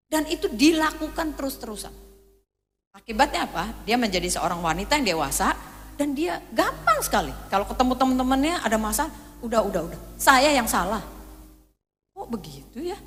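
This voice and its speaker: A woman's voice: high voice, very animated, a little fast, big-room sound, slight background noise. A woman pastor preaching a sermon, telling stories and acting out quoted voices as she speaks to her congregation. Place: church hall.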